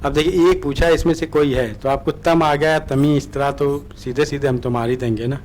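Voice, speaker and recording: A man's voice: fairly high pitch, steady tone, moderate pace, a little mellow, a little hiss or hum. A man teaching an online exam-prep lesson, asking questions and answering them himself, repeating key words and often correcting himself. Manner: explains by asking and answering his own questions.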